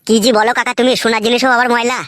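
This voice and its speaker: A woman playing a rough young village husband in a comic skit, swearing and talking crudely. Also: on the high side, little pitch movement, rapid-fire, fairly bright tone, dry recording, studio quality, natural voice. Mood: wheedling.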